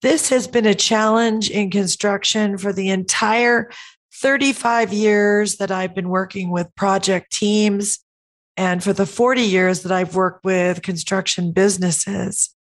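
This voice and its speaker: A middle-aged woman hosting a podcast, speaking in an earnest, teaching tone with a voice hoarse from a cold. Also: medium pitch, fairly even intonation, unhurried. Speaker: podcast host. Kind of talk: podcast monologue.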